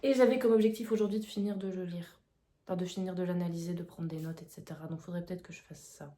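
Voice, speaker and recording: Fast-talking young woman vlogging. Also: fairly low pitch, steady tone, warm tone. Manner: chatty, enthusiastic, slangy. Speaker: book vlogger. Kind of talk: casual vlog chat. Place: home, indoors. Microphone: phone mic. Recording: echoey room on phone mic.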